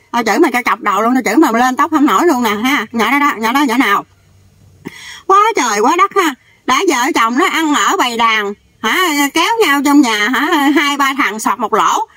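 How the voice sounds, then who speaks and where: High-pitched, scolding Southern Vietnamese woman. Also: fairly bright tone, no echo. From Mekong Delta, Vietnam. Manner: scolding, blunt, repeats "do you hear". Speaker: vlogger. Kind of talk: angry rant to camera.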